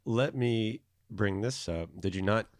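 A man in a casual podcast chat, giving deadpan, absurd explanations and sarcastic comebacks. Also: fairly low pitch, measured pace, no echo.

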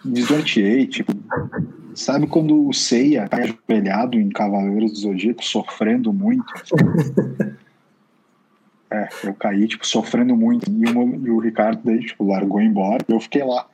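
A young man, co-hosting a casual podcast and telling a story in a slangy, animated way. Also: lowish voice, moderate pace, slight background noise, rough recording. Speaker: podcast co-host.

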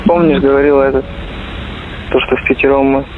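A man's voice: mid-range voice, steady tone, a little fast, a little hiss or hum. A young man in a casual private phone call, speaking as a soldier in a laconic, matter-of-fact way. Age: young adult. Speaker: soldier calling his mother. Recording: muffled, narrow intercepted phone line.

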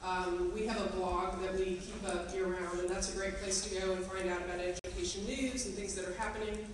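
Speaking at a teachers' association meeting, a woman keeps a medium pitch and a steady tone at a brisk pace. She chats earnestly with the room of educators, often saying um and you know. The audio comes from a distance in an echoey hall, with ambient noise around her.

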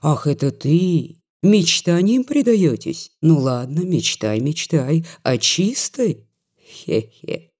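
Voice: mid-range voice, sing-song, slow, a little mellow. A reader voicing a middle-aged male merchant who mocks and teases. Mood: mocking.

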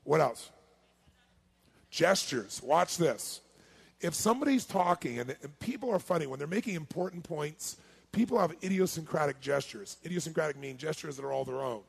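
A man giving a sales seminar, firing rhetorical questions at his audience and swinging between loud and hushed delivery. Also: a little high, animated, normal speed, creaky, breathy edge. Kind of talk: live seminar talk to an audience.

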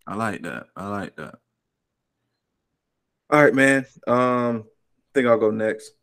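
A man's voice: fairly low pitch, expressive, slow, fairly bright tone, clear, resonant tone. An American man chatting casually on a podcast in a laid-back frat-bro manner, calling everyone bro. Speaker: podcast host.

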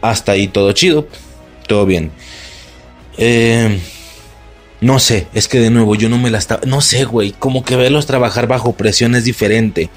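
A man with a Mexican accent recaps a film in a loose, profane, casual way. He sounds worked up and laughs easily. Faint music plays softly behind him. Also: medium pitch, moderate pace. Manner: excitable, swears a lot, laughs often. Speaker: movie reaction vlogger.

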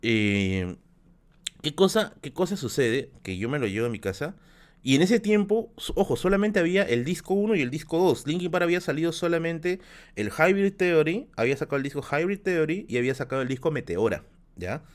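A man's voice: fairly high pitch, expressive, brisk. A man, a streamer telling stories in casual chat, rambling with many restarts while sick with a bad flu. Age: 30s. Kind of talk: casual storytelling on a live stream.

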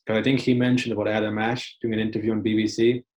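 A man's voice: lowish voice, flat delivery, fast talker, darkish tone. A young man talking in a loose, reflective way during a casual interview. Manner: reflective, loose, many restarts and "like". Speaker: podcast guest.

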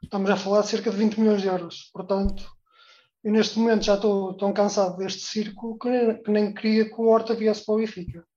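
A man's voice: high voice, little pitch movement, brisk, warm tone. Indignant male caller on a dull line. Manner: indignant, emphatic, uses "pá" and "epá". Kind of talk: phone-in opinion. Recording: dull lo-fi call audio.

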